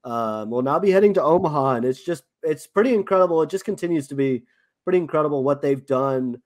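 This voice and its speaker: A man's voice: on the high side, animated, fast talker. A man with a South African accent co-hosting a sports podcast, talking casually with many fillers and restarts. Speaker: podcast co-host.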